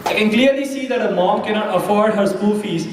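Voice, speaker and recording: A concerned female commentator, acted by a woman in a scripted skit. She is earnest and slightly halting. The recording is distant and very echoey, with faint noise. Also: medium pitch, lightly acted. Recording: echoey hall from far off.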